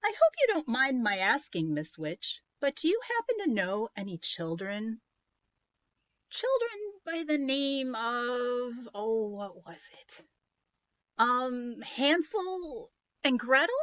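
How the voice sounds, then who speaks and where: A woman's voice: fairly high pitch, big pitch swings, slow pace, a bit bright, no room sound, dull audio, pitched above the performer's own voice, exaggerated voice. A woman voicing an eager young frog prince who pleads insistently and gets flustered. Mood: pleading.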